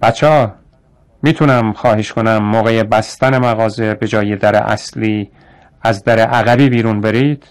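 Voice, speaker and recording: A man's voice: on the low side, steady tone, natural voice. A man voicing a stingy, grumbling male shopkeeper in a radio story.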